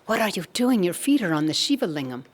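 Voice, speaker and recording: A woman voicing an indignant, pleading young male devotee in a spiritual story, her voice raised and pushed higher. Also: moderate pace, darkish tone, natural voice. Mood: shocked. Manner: outraged then begging, voice raised.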